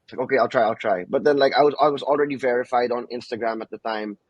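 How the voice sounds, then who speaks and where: Husky laid-back young man chatting. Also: mid-range voice, fairly even intonation, fast, no echo, muffled recording. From Philippines. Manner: laid-back, says "bro" and "you know what I mean" a lot. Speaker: podcast host. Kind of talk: casual chat.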